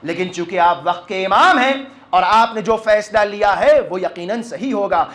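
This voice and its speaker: A man's voice: high voice, a bit bright. A preacher voicing a humble aging nobleman. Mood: solemn. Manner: solemn, earnest recitation. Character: aging nobleman taking leave, humble and devoted.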